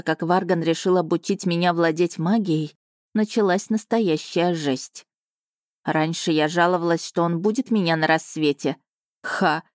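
A woman reading a first-person audiobook in a lively, ironic storytelling manner, close to the mic. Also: fairly low pitch, no echo. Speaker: audiobook narrator.

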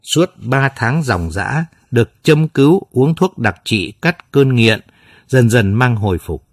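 A man narrating a dramatic story in a steady, measured way. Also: mid-range voice, dry recording, clean studio sound.

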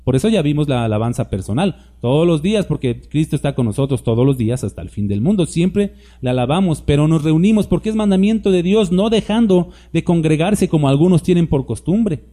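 A man preaches in a relaxed, conversational way. His voice is mellow and warm, set somewhat high, and he keeps asking rhetorical questions and acting out little examples. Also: a little fast, hardly any pauses. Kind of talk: sermon.

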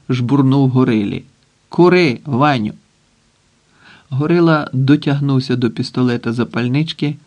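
A man reading an audiobook in a dramatic, deliberate way, acting out the characters. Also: medium pitch. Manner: slow, deliberate, voices characters with shouts. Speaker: audiobook narrator.

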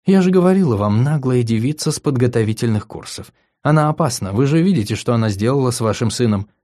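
A male audiobook reader voicing a haughty, spiteful young woman who is a councillor at an academy, speaking in a shrill, indignant way. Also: expressive, quick pace, mellow, lightly acted.

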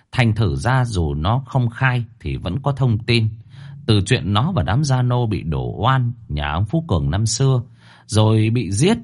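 A man narrating a ghost story in a lively, dramatic way. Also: lowish voice.

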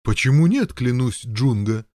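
An eager, bossy knight presses his plans, a touch higher than a plain speaking voice, as a man reading a storybook puts him on. The sound is close and dry. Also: lively intonation, a little slow, warm tone, no room sound, close to an everyday voice. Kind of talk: audiobook character voice.

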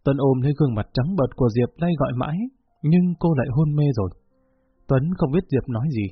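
A man reading a story aloud in a steady, even storytelling manner with a husky voice. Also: medium pitch, fairly quick, no echo. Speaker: audiobook narrator. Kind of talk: scripted story narration. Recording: dull lo-fi recording with faint music.

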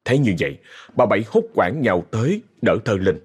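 A man narrating a ghost story in a dramatic, expressive way. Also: lowish voice, a little fast, husky.

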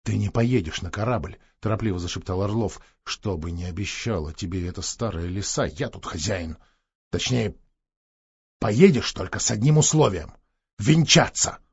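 A man's voice: mid-range voice, animated, moderate pace, no echo, natural voice. A domineering count, read by a male narrator, issuing orders with a mocking edge, his voice close to the narrator's own middle register. The recording is dry and dull, with a muffled lo-fi sound. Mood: hushed menace. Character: commanding, scheming count, a naval chief.

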